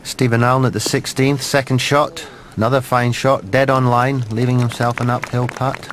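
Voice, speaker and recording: A middle-aged man giving shot-by-shot live golf commentary in terse, measured, clipped phrases. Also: medium pitch, little pitch movement, fairly bright tone. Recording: noisy outdoor broadcast ambience.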